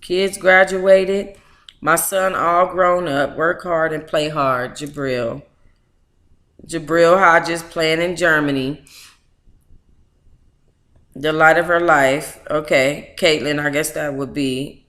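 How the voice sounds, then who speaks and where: Her voice is low-pitched and steady, a bit bright, moving slowly with frequent pauses. She's a middle-aged book club host on a casual livestream, reading aloud and adding candid, colloquial asides in an echoey room.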